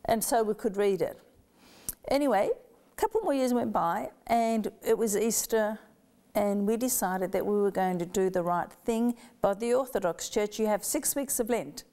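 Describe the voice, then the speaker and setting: Middle-aged woman interviewee from Yugoslavia; low gravelly voice, mellow tone, lively storyteller who acts out quotes. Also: moderate pace. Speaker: guest.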